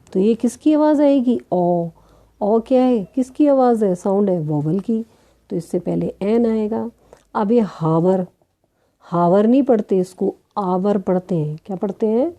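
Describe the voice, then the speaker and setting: A woman's voice: mid-range voice, mellow. A woman teaching a grammar lesson who talks patiently, asks her students questions and answers them herself, and calls them children. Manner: spells out sounds slowly.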